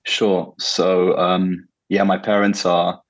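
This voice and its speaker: A man's voice: deep voice, level tone, slow, no room sound, lo-fi sound. A young man from Italy and Germany answering interview questions casually, with many fillers. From born in Italy, raised in Germany. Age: young adult. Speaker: guest, legal counsel.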